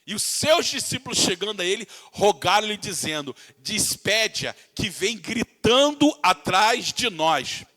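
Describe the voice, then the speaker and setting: A Brazilian pastor with a high voice preaches with passion. He often speaks to his listeners as dear ones. His tone is bright and forceful. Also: big pitch swings, measured pace, few pauses. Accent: Brazilian Portuguese. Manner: impassioned preaching, calls listeners "querido", acts out voices from the text. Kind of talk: sermon.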